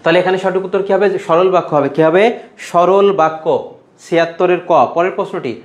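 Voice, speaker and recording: A man's voice: high-pitched, steady tone, a little fast. Coaxing male Bangladeshi exam tutor. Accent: Bangladeshi Bengali. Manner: coaxing, repetitive teaching, addresses students by name. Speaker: admission coaching teacher. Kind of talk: online exam-prep class.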